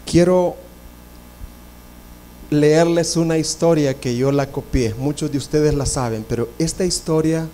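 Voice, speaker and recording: A male pastor preaches in a slightly raised voice and at an unhurried pace. He swings from loud, high-pitched declarations to hushed, whispered prayers, and he puts on a higher voice for the people he quotes. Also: a little hiss or hum. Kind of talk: sermon.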